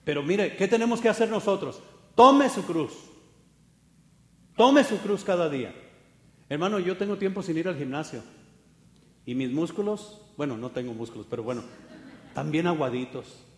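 A man preaching a fervent sermon, swinging from loud exhortation to quiet asides, in an echoey church hall. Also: fairly high pitch, lively intonation, moderate pace, long pauses. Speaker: pastor.

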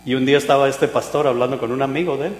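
A man preaching a sermon, telling a humorous personal story with loud exclamations and quiet asides. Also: mid-range voice, fairly even intonation, racing. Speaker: pastor. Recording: echoey hall with mains hum.

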